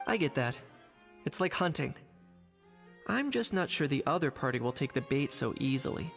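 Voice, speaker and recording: An actor voicing a calm, measured male game character. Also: medium pitch, creaky, soft background music. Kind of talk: video game voice acting.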